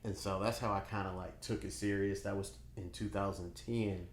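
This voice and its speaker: A man's voice: low voice, steady tone, normal speed. A man in his thirties from the Detroit area, co-hosting a casual podcast chat and telling stories in a laid-back, rambling way. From Metro Detroit, Michigan. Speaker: co-host, DJ. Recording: echoey room, faint noise.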